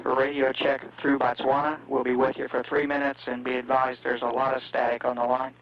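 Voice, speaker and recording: A man's voice: medium pitch, monotone, fairly quick, lo-fi sound. A man working as a mission control communicator, making procedural calls to a spacecraft over a two-way radio with static.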